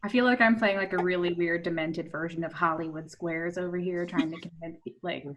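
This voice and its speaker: A woman's voice: lowish voice, fairly even intonation, a little fast, slight background noise. A woman in casual chat on a video call, joking and rambling, laughing often. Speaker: robot team member.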